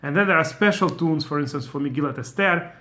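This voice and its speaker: Quick and a bit high-pitched with a sharp edge, the voice belongs to a middle-aged Russian-accented man. He teaches Torah informally, reasoning aloud with frequent fillers and restarts.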